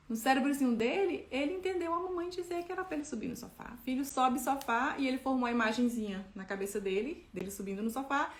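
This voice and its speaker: A woman's voice: fairly high pitch, roomy sound. A woman explaining parenting tips in a conversational way, often checking in with tag questions. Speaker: parenting educator.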